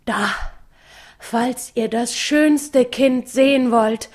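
A woman's voice: a little high, drawn-out words, darkish tone. A woman voicing a boisterous, burly robber chief in a storybook reading, bellowing and rowdy. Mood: boastful. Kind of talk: audiobook reading.

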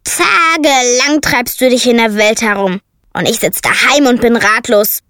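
A woman's voice: on the high side, measured pace, pushed and bright, no echo, clean studio sound. A woman voicing a fretful, scolding male raven in a storybook reading, squawking and fussing.

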